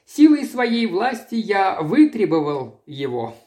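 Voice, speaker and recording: Smooth, soft-spoken investigator, read by a male narrator. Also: high voice, big pitch swings, slow pace, voice pushed up, full character voice. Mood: calm. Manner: soft, conciliatory. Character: calm, smooth middle-aged male investigator.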